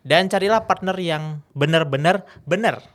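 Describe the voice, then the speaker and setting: Speaking at a normal speed in a slightly high voice, a man who works as a guest speaker and MC tells stories during a relaxed podcast chat. He's a lively storyteller who acts out each scene.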